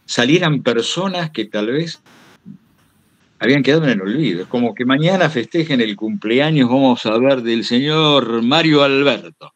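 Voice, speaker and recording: At a public talk, a radio host and interview guest with a Buenos Aires Argentine Spanish accent recounts anecdotes, going on tangents and fixing his own words as he speaks. His mid-range voice moves at normal speed, and the recording sounds dull.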